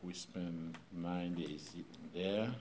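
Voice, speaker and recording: Haitian pastor guy, real low voice, slow and halting, lots of ums, noisy recording. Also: steady tone, a little mellow. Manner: halting, many pauses and fillers. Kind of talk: informal talk to a church group.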